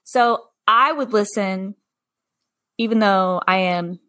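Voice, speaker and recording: A woman's voice: medium pitch, takes it slowly, bright, forceful tone. A woman co-hosting and editing a podcast, telling rambling stories in casual chat. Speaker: podcast co-host and editor.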